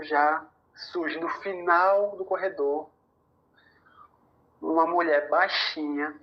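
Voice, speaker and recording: Animated Brazilian man on dull audio. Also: on the high side. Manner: animated, quotes dialogue, rushes through bursts. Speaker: podcast guest. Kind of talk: casual storytelling.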